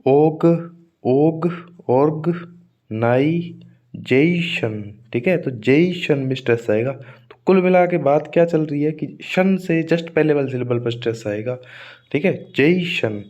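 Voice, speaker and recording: A man teaching an exam-prep English pronunciation lesson, speaking slowly and drawing words out to show stress, with frequent check-ins to his students. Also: fairly high pitch, a little mellow, highs cut off. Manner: adds frequent tag checks like "ठीक है" and "है ना".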